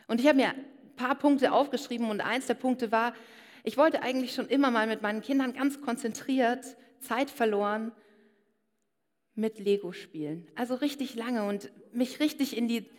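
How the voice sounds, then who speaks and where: A woman giving a personal sermon and speaking straight to her listeners. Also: a little high. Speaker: preacher. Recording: long hall reverb.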